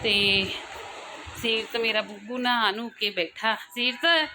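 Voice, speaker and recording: A woman's voice: medium pitch, steady tone, measured pace, noisy background. A young woman and mother chatting casually to her viewers at home in a daily vlog, talking loosely in long run-on sentences. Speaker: family vlogger, mother. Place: at home, indoors.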